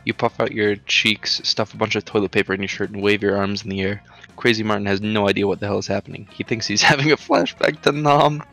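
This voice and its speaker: A man with a low, creaky voice and a forceful edge plays a party game with friends. He reads the on-screen text aloud in a jokey, hammy way, with music behind him. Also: fairly even intonation, fast. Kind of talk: casual group let's play, reading dialogue aloud.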